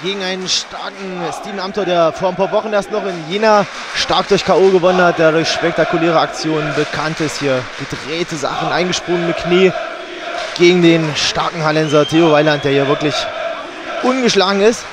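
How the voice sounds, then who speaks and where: A man's voice: on the high side, moderate pace. A man co-commentating a fight in live sports commentary style. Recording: noisy arena with loud crowd.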